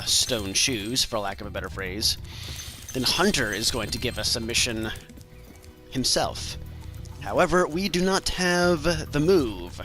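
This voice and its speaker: A man's voice: medium pitch, a bit bright. A man giving casual, chatty, self-deprecating commentary as host of a video game walkthrough. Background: game music.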